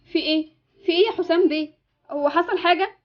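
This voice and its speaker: A woman's voice: very high-pitched, quick pace, highs cut off. A woman with an Egyptian accent playing a loving, humble mother in an amateur game animation. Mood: worried. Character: loving, grateful, poor mother.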